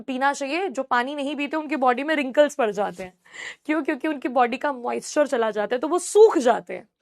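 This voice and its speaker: A woman teacher who reads English text slowly and explains it at length in Hindi to her class. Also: high-pitched. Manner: reads English lines slowly, then explains them in Hindi, calls students "my child". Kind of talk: classroom lecture explaining a story.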